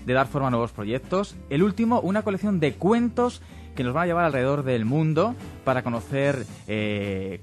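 A male radio host with a mid-range voice that swings widely up and down as he introduces a guest with enthusiasm. Soft music runs faintly beneath him. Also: mid-range voice. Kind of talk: radio talk show presenting.

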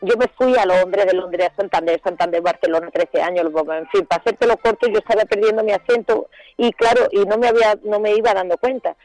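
A middle-aged woman from Seville with an Andalusian accent, an actress chatting as a guest in a lively, colloquial way, laughing often. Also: mid-range voice, quick pace, few pauses, no room sound, rough recording. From Seville, Spain. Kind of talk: casual chat.

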